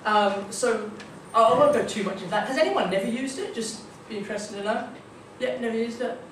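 An Australian man with an extremely high-pitched, fairly bright voice talks fairly quickly, chatty and peppered with ums and kind-ofs. He's a guest speaker giving a casual tech presentation at a marketing meetup in a dim meeting room with a projector screen. A far room camera picks him up, so the recording is echoey, distant, and noisy.

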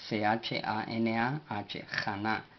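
A man giving a vocabulary lesson, spelling words out letter by letter and pausing often with fillers. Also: fairly low pitch, fairly even intonation. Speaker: language teacher. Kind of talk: slow spoken vocabulary lesson. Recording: dull lo-fi recording with faint hiss.

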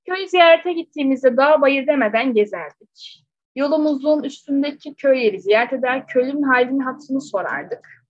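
A woman's voice: high voice, animated, fairly quick, no room sound. A woman teacher working through exam questions step by step, often checking with rhetorical questions. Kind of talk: exam question walkthrough lesson. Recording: slightly dull, dry close recording.

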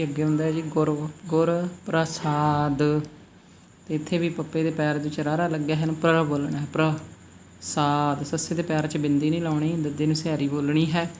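Very flat, slow Gurbani teacher. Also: medium pitch, slight background noise. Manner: drawn-out syllables, repeats words for practice; respectful, addresses the congregation as "ji". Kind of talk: slow recitation lesson.

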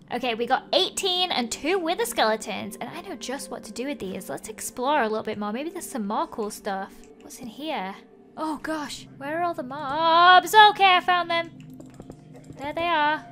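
High-pitched, chirpy woman doing gameplay commentary. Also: a bit bright. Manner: chirpy, exclamatory, thinks aloud. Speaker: gaming video host.

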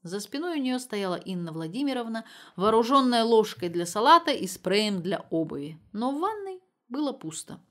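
A woman narrating a humorous story as an audiobook reader, with lively, expressive storytelling. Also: on the high side, normal speed, few pauses.

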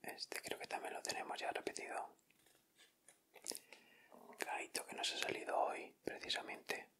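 While tearing into sticker packs, a male ASMR host offers whispered, laid-back asides in short bursts. He speaks close to the mic, taking his time, with a Spanish accent.

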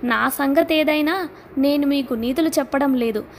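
A woman's voice: sits high, normal speed, a little hiss or hum. A woman reading the part of a defiant man who scornfully harangues a crowd, in an audiobook. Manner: accusing, mocking, relentless.

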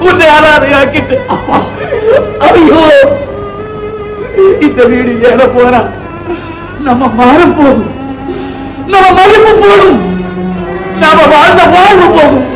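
A man's voice: extremely high pitch, slow, long pauses, echoey room, rough recording. An actor playing an aging father ruined by debt, pleading and lamenting in old film style. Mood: grief-stricken. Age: older. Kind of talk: 1960s film acting. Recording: old film soundtrack with music.

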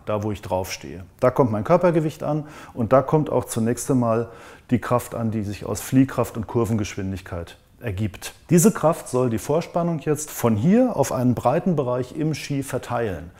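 A man in his forties calmly and methodically explaining ski design in a workshop tutorial. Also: medium pitch. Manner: calm, methodical, demonstrates with hands. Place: indoor wood workshop.

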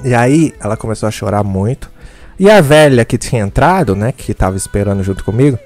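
A man telling a funny story in an animated, crude way, often laughing as he speaks. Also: fairly low pitch, fairly quick, faint music behind. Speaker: streamer. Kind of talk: comic storytelling.

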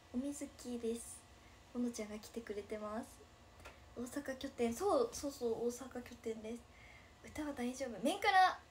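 A woman's voice: on the high side, slight background noise. A woman in her twenties, speaking with a Nagasaki dialect, chatting casually on a livestream as she reads viewer comments, giggly and bubbly. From Japan, Nagasaki. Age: 20s. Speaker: idol livestreamer.

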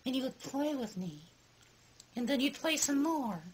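A man voicing a cheeky boy ventriloquist dummy with a squeaky voice, taunting and insinuating in a comedy act. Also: expressive, normal speed, husky, heavily acted, low-quality recording. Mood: indignant.

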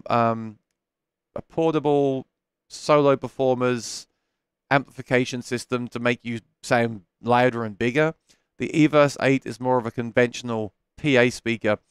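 This casual live stream features a man in his thirties in a small home studio, candidly answering viewer questions through a headset microphone with many restarts. His mid-range voice has a clean tone and no room sound.

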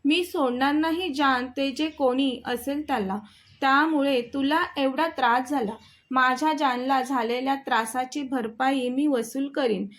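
A woman's voice: high voice, fairly even intonation, a little slow. A woman voicing a pleading young husband.

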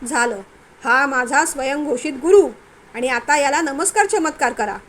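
A woman's voice: high voice, moderate pace, fairly bright tone. A woman voicing a sulky young wife who complains tearfully and exaggerates. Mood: upset.

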